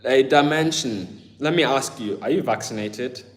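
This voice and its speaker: The livestream host, medium-pitched and talking at normal speed, chats casually and rambles to his viewers with many fillers. He addresses chat as "bro" in an accent that mixes Southern English, German and Ghanaian.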